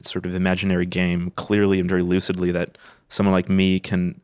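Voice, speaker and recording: Male panelist, very low voice, dry recording, hesitant casual film talk. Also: completely flat delivery, fairly quick, a little mellow, clean tone, no room sound. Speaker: podcast panelist.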